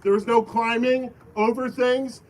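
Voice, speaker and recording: A man's voice: extremely high pitch, little pitch movement, a little slow, darkish tone. A man leading a safety briefing for a crowd outdoors at an airsoft field, firm and commanding, with call-and-response chants. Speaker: airsoft event briefing leader. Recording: distant voice with faint background noise.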